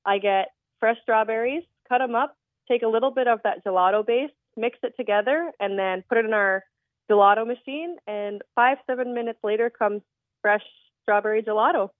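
A woman's voice: fairly high pitch, normal speed, dry recording. A young woman from the Netherlands, a creamery owner, explaining her work as a guest on a radio phone interview, with frequent ums. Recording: tinny phone line.

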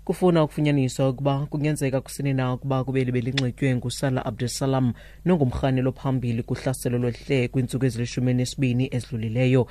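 A man's voice: medium pitch, level tone, racing, mellow, a little hiss or hum. A South African man reading a scripted radio news bulletin. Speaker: news reader. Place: dry studio.

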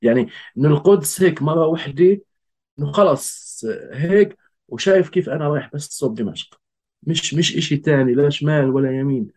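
A man with a Levantine Arabic accent telling a personal story in conversation, in a reflective, halting way with pauses and trailing phrases. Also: a little high, a little mellow. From Golan Heights. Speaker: interview guest.

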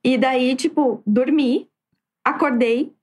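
A woman with a soft, near-whispering voice, chatting casually as a guest. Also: sits high, fairly even intonation, slow. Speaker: guest, architect. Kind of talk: casual chat.

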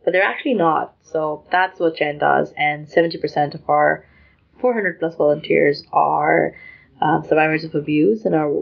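A woman in her late twenties from Pakistan, talking as a podcast guest with a gravelly, fry-edged voice. She is chatty and self-deprecating and quick to laugh. The audio is dull and lo-fi, like a remote call. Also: deep voice, fairly even intonation. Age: 20s. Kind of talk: podcast interview.

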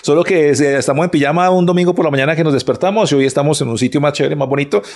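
A man's voice: on the high side, rapid-fire, a little mellow. A man from Colombia co-hosting a podcast, chatting animatedly and laughing a lot. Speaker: podcast co-host. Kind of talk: casual chat. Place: podcast studio set.

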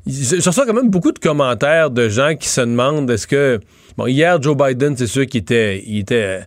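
A man with a Québécois French accent hosting a radio news chat, animated and joking with his co-host. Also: medium pitch, moderate pace, no echo, clean studio sound.

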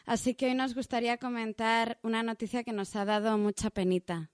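A woman hosting a podcast, introducing a guest in a friendly, smooth manner. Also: on the high side, level tone, fairly quick, no room sound, studio quality. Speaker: podcast host.

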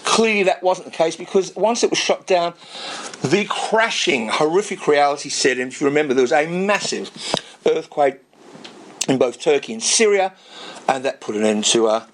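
Hoarse, raspy man hosting radio. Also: a little high, expressive, slight background noise. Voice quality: raspy, strained voice. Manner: rambling, dramatic pauses and repetition. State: hoarse, losing his voice. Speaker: radio show host. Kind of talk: informal radio monologue between songs.

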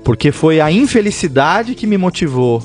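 A Brazilian man, a podcast guest, tells his story in a lively way, acting out the conversations and restarting a sentence now and then. His voice sits a little high for a man, with faint music underneath. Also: moderate pace. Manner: animated storyteller, acts out dialogue, some restarts. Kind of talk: casual storytelling interview.

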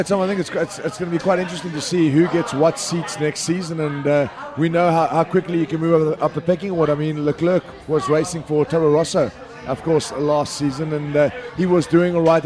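A man chatting as a pundit on a live sports show. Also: fairly high pitch. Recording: clear crowd chatter behind. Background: crowd chatter at a live venue.

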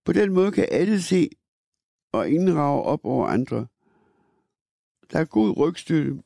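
A man reads a first-person literary piece in a measured, wry voice with a gravelly edge. His tone is dark and mellow, though his pitch sits a little high for a man. The recording is dry and close. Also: very animated, no echo.

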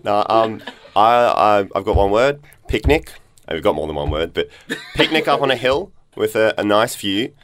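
A man's voice: fairly low pitch, big pitch swings, moderate pace, slight background noise. A man playing a bachelor on a joking podcast dating game, rambling and laughing as he talks. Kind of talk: joking studio banter.

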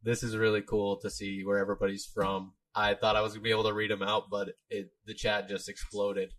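A man's voice: lowish voice, monotone, fairly quick, a bit bright. A man co-hosting a live stream, casually reading out listener comments. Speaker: co-host reading the chat. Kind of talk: live Q&A chat.

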